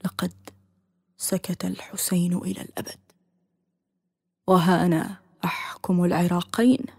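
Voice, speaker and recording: A woman voicing an arrogant, hypocritical male governor who shouts in anger, recorded dry in an audiobook story. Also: lowish voice, level tone, normal speed, gravelly, slightly rough, no echo. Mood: scheming. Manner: scornful, bursts into angry shouts.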